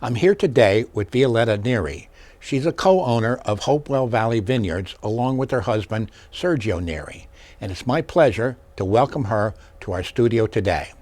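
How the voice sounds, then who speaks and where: A man's voice: medium pitch, lively intonation, moderate pace, darkish tone. A man hosting an interview in a studio, reading a scripted introduction and asking questions. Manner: scripted introduction, brief listening affirmations. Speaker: host.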